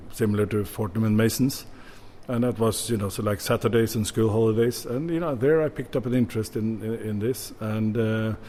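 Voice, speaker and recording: A man's voice: lowish voice, darkish tone, slight background noise. Hesitant Norwegian-born man in his sixties. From Norway. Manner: hesitant, many fillers and restarts. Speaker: bodega owner. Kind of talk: interview answers.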